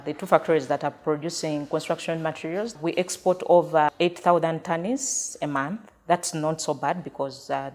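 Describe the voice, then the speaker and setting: Low-voiced businesslike woman manager. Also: darkish tone. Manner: businesslike, hesitant fillers. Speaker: company manager. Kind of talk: documentary interview.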